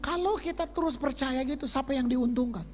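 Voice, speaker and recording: A man preaching a sermon as pastor, animated, swinging from loud emphasis to whispers and mixing in English words. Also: extremely high pitch, brisk, faint music behind. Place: church auditorium.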